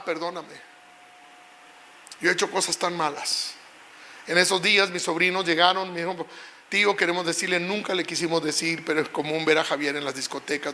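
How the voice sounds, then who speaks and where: A middle-aged male pastor preaching an emotional sermon, telling a personal story and rising at times to shouts. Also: high voice, slight background noise.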